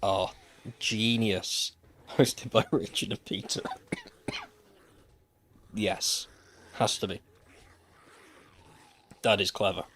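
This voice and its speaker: A man's voice: fairly low pitch, fairly even intonation, extremely slow, pauses often, fairly bright tone. A man streaming a survival game, chatting casually to viewers with dry, wry asides. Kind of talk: casual gameplay commentary. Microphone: desk microphone.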